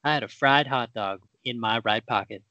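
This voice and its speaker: A man's voice: medium pitch, moderate pace, pushed and bright, no room sound, lo-fi sound, lightly acted. A man playing a brash comic co-host on an improvised talk show, with mock-showbiz patter and emphatic delivery. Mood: cheeky.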